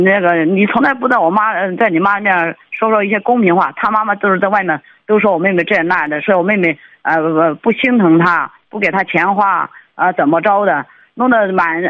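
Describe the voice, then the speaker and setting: Lady caller on a dull phone line, halting and rambling, lots of uh and restarts. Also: mid-range voice, dry recording. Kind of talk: call-in radio conversation. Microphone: telephone.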